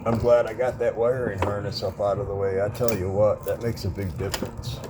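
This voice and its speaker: A man with a deep voice rambles through a car repair, talking to viewers at a fairly quick pace in a steady tone and apologizing as he goes. He's working on an engine in a garage or driveway for a casual DIY vlog, recorded on a phone camera set near him amid heavy background noise.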